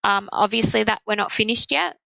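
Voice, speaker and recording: Woman, croaky sore voice, teaching maths, step-by-step, crisp bright tone. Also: medium pitch, fairly quick, no room sound, dull audio. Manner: working through sums step by step. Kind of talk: maths lesson explanation.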